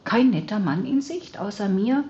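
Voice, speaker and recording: A woman voicing a cheerful, flirty male friend who teases in a drawn-out way, on slightly dull audio. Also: medium pitch, expressive, warm tone, a little hiss or hum, voice pushed up, close to an everyday voice. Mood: teasing.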